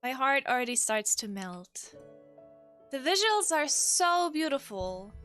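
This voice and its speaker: Her voice is high-pitched and very animated, yet she speaks slowly. In a casual livestream she reads visual novel text and chats, hesitating often, breaking off mid-thought, and making soft exclamations over gentle piano music.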